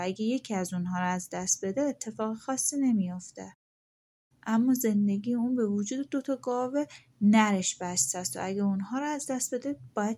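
A woman narrating a folk tale as an audiobook, in a soft storytelling voice that turns hushed in places. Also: medium pitch.

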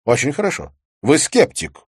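A man voicing Rudin, an eloquent and confident young debater who speaks in a calm, forceful, lecturing way in an audiobook. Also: fairly high pitch, moderate pace, breathy edge, no echo, studio quality, pitched above the performer's own voice, full character voice. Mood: confident arguing. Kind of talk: audiobook character reading.

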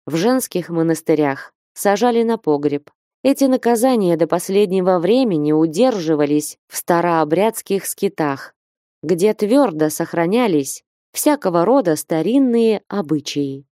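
Brief: audiobook narrator, woman, low voice, dry close recording. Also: dry recording. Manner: expressive, measured reading. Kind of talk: scripted literary narration.

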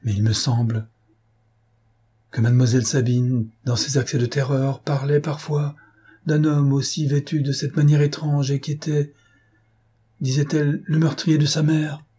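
An agitated young man presses with urgent questions, as a man reading aloud puts him on. His voice is dark and very husky, lifted higher than the narration. A worried storybook character. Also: flat delivery, moderate pace, close to an everyday voice.

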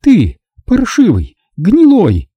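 Shrill raging young woman, read by a man, high and husky, dark-toned underneath. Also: sing-song, fast, no echo, muffled recording. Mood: furious. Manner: shrieking, spitting out words.

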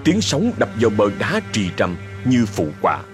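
A man narrating a horror story with dramatic, expressive delivery. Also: mid-range voice, normal speed, faint music behind.

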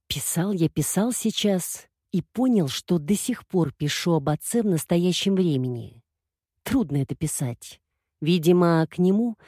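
A woman narrates a first-person story in a quiet, reflective way. Her voice is husky and mellow, with lots of rise and fall in pitch, and it sounds dry and close to the mic. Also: dry recording. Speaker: audiobook reader.

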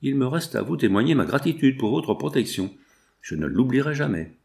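Un homme lisant à voix haute et prêtant sa voix à un jeune homme reconnaissant et respectueux. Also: male voice, medium pitch, lively intonation, a little fast, gravelly, a little mellow.

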